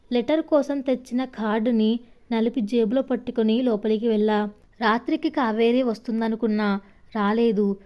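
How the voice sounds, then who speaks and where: A woman narrates a heartfelt first-person story in a steady scripted reading. Her voice sits a little high but stays warm and mellow. She gives the quoted dialogue only light voicing.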